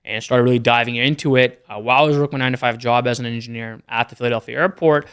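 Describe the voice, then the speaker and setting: The speaker is a young man from Canada appearing as a guest entrepreneur on a podcast, casually reeling off his business numbers in a matter-of-fact way. His medium voice races along with fairly even intonation and a clear, resonant, somewhat bright quality.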